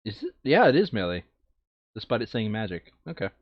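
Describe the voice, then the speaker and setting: A man plays through a board game on a recording, chatting casually, thinking aloud and sometimes muttering to himself. His voice is on the low side, very animated and a little fast. There's no room sound, and the lo-fi microphone is slightly dull.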